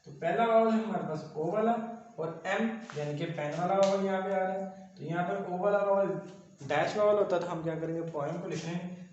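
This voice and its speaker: A man teaching a shorthand class, slowly spelling out syllables and repeating each step. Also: sits high, darkish tone. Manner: slow, repetitive, spells out syllables. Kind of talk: classroom lesson explaining steps. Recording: very echoey, dull lo-fi sound, faint noise.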